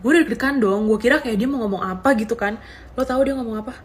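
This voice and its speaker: Picture a young woman telling a story on a casual podcast. Her voice sits a little high. She talks in slang and retells everything with animated, dramatic flair. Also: fast.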